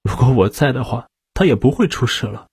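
A male narrator voicing a scheming middle-aged husband who speaks low and guarded, faking grief. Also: animated, fairly quick, a little mellow, breathy edge, no room sound, studio quality. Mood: subdued.

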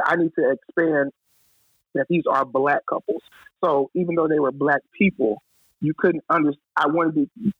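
A man's voice: a little high, dry recording. A man, a photographer and guest, telling his story in casual conversation and animatedly acting out the lines of the people he quotes. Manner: animated, acts out quoted dialogue. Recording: dry, husky, phone-like line.

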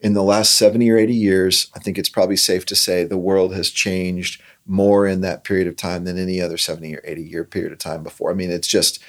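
A man's voice: low-pitched, flat delivery, fast, few pauses. A man explaining a hymn line by line in an earnest, reflective podcast conversation.

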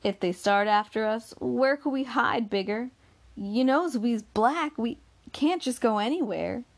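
A woman voicing an anxious, devoted young woman who pleads in a raised, higher voice in an audiobook. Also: a little slow. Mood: pleading. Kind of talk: audiobook character reading.

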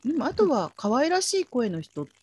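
A woman in her forties co-hosting a casual chat podcast, playful and quick to laugh. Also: fairly high pitch, sing-song, breathy edge. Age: 40s. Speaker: podcast co-host.

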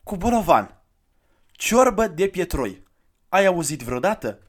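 Man doing a gentle tired wanderer, soft and coaxing, voice pushed up a bit, storybook style. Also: high voice, sing-song, voice pushed up. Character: gentle, weary adult traveler, kind and coaxing.

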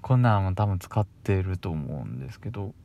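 A man's voice: low-pitched, big pitch swings, brisk, gravelly, warm tone, muffled recording. Young man, Kansai accent, solo radio chat, bashful, chuckling, loose rambling delivery. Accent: Kansai Japanese. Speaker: radio host. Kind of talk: casual solo radio talk.

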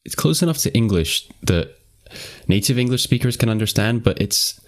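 Easygoing man with a very deep voice. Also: lively intonation, moderate pace. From Scotland. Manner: easygoing, laughing, questioning. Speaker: podcast host. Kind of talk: casual chat.

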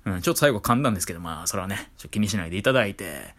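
A man's voice: low-pitched, expressive, very fast, fairly bright tone. A man with a Kansai accent, a streamer telling a casual story in a chatty, wry way, full of fillers.

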